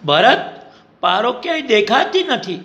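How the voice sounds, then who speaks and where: A man's voice: extremely high pitch, very animated, measured pace, creaky, pushed and bright, roomy sound, lo-fi sound, full character voice. A man voicing an anxious older queen mother in a read-aloud novel, asking worried, pleading questions. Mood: alarmed.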